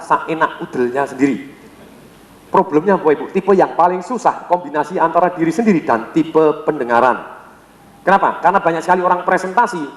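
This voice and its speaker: A middle-aged man giving an energetic sales seminar to a live audience, calling on them with rhetorical questions and having them finish his sentences. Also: a little high. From Indonesia. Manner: peppers talk with direct address and rhetorical questions. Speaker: sales trainer. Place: large hall. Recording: echoey hall with long reverb.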